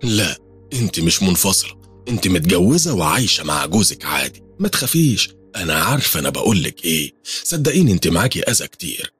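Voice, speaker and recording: A man's voice: deep voice, big pitch swings, fast talker, fairly bright tone, breathy edge, soft background music, full character voice. A man with an Egyptian accent voicing a strange veiled woman who insists she sees spirits around people, speaking in an ominous, matter-of-fact way. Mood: ominous insistent.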